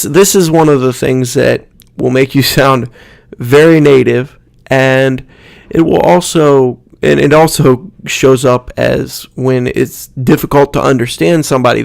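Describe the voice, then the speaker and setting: A man gives a pronunciation lesson at an unhurried pace, carefully sounding out and repeating each example word. His voice has a gravelly edge. The recording is dry and close. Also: mid-range voice, no echo. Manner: slow, deliberate, repeats example words. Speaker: Spanish pronunciation teacher. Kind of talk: instructional explanation with spoken examples.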